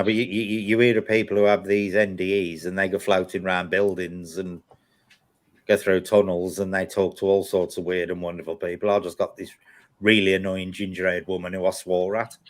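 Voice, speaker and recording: A man with a fairly deep voice hosts a casual chat. He tells personal anecdotes in a blunt, repetitive way, as if talking to regular followers. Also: level tone, normal speed. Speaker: host of a paranormal live chat.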